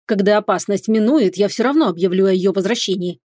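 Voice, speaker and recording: Woman doing calm male emperor, measured, dry irony, even voice, dry studio sound. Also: medium pitch, no room sound, natural voice. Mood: firm. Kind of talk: audiobook reading.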